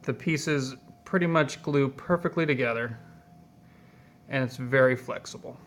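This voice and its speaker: In a relaxed, unhurried way, a man walks through a hobby how-to in a casual tutorial. His flat, even voice sits at an ordinary middle pitch, and he wanders plainly from point to point, low-key and full of ums.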